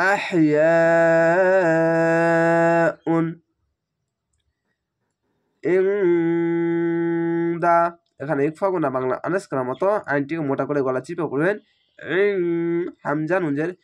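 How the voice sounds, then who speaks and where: A man with a somewhat high voice teaches recitation, breaking words into letters and vowel marks. He explains slowly and repeats himself with patience. His voice sounds a little strained, as if he is slightly unwell. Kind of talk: spelled-out recitation lesson.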